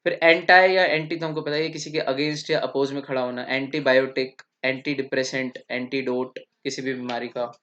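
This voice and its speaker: A man's voice: medium pitch, fairly even intonation, moderate pace, hardly any pauses, fairly bright tone. A man with an Indian accent giving an English vocabulary lecture, explaining step by step and checking in with his students. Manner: explains step by step, asks "theek?" often. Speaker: English teacher. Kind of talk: classroom lecture. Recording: dull lo-fi recording.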